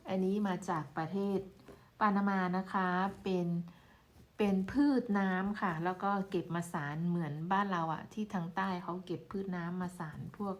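A woman's voice: fairly low pitch, fairly even intonation, moderate pace. A woman from Thailand chatting casually in a vlog as she shows and reviews homemade skin creams, exclaiming over each one. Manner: chatty, exclaiming while showing products. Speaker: beauty product reviewer.

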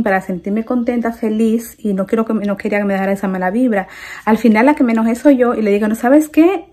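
A young Dominican woman chats straight to her viewers in a casual vlog, her Dominican Spanish accent plain in every line. Her voice sits a little high, and she tells her story in an animated, rambling way, repeating words for emphasis. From Dominican Republic. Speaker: vlogger.

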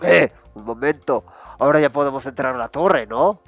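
A man's voice: medium pitch, normal speed, a bit bright, dry recording, soft background music. A man voicing a boastful, burly male turtle king as he reads game dialogue aloud. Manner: swaggering, self-admiring.

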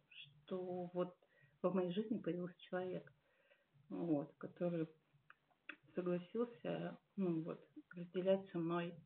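A woman in her late forties giving a heartfelt church testimony, earnest and musing, with many pauses and fillers. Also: lowish voice, gravelly. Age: 40s. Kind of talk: personal testimony at a service. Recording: tinny phone-like sound.

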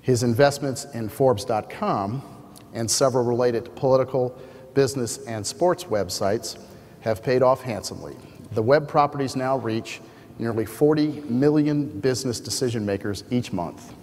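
An American man in his fifties reads a formal, measured introduction speech from a podium as event host. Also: medium pitch, a little mellow. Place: large indoor hall at a podium. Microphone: podium microphone. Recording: echoey hall with ambient noise.

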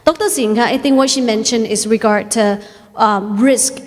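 A woman in her thirties moderates a panel from a conference stage, speaking into a handheld mic. Her voice is fairly high and polite, with a long hall reverb behind it. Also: moderate pace. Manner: polite and warm, with um fillers.

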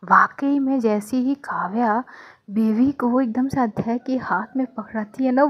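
A woman narrates a serialized romance story in a chatty, conversational way. Her voice sits a little high. The recording is muffled and lo-fi. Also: unhurried, slightly rough.

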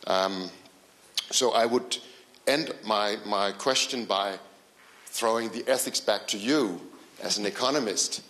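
A man's voice: lowish voice, slow, fairly bright tone. A man from government asking a panel a question, hesitating and repeating words. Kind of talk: conference Q&A question.

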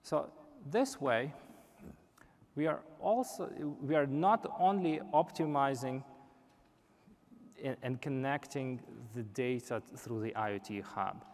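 Speaking slowly in a medium-pitched, slightly mellow voice, a young man earnestly walks through a live product demo on a large indoor conference stage, restarting a few times. The recording carries the hall's reverberation.

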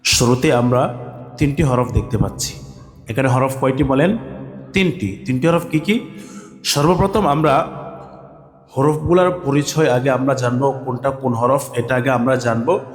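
A male Quran teacher drilling Arabic letters and vowel marks in a slow call-and-response lesson, asking questions and answering them himself. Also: mid-range voice, reverberant, big-room sound. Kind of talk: online Quran alphabet lesson.

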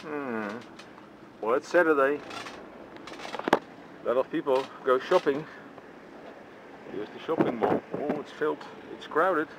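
Filmed on a dashboard camera in a car moving through city traffic, a Dutch-accented man with a voice on the high side offers casual, musing commentary to himself. He speaks slowly in brief remarks over a noisy engine.

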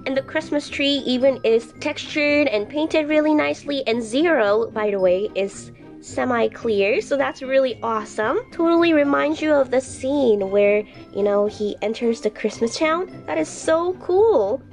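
Still getting over the flu and breathing heavily, a woman unboxes toy figures for a casual vlog. Her high voice is unhurried and slightly dark, with soft music underneath, and she gushes, repeating words for emphasis.

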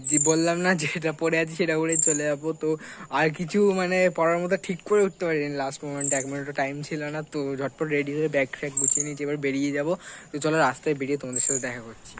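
A man's voice: a little high, fairly even intonation, racing, slight background noise. Chatty man vlogging on the go. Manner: chatty, rambling with many fillers. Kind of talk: casual vlog chat. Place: outdoors and indoors, on the move.

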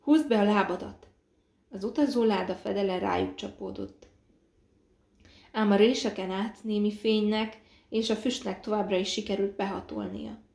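A woman narrating an audiobook in a measured, dramatic reading. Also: mid-range voice, steady tone, creaky, a little mellow. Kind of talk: scripted narration. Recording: roomy echo.

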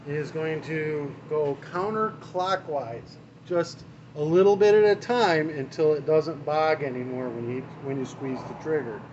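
A small engine mechanic with a high-side voice talks casually while doing a repair in his noisy workshop. The camera mic catches him off-frame with the highs cut off, and an engine runs amid the shop noise.

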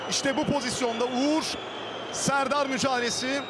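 Male football commentator, very high-pitched live delivery, loud stadium ambience behind. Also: fairly even intonation, normal speed, heavy background noise.

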